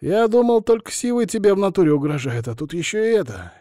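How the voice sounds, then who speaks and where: A panicky young man hisses his words in a hoarse, strained whisper, as a male reader puts him on. The voice sits well above the reader's own and keeps a soft, mellow tone. Dry, close recording with no room sound. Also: high-pitched, sing-song, fast talker, no echo, pitched above the performer's own voice. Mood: shocked.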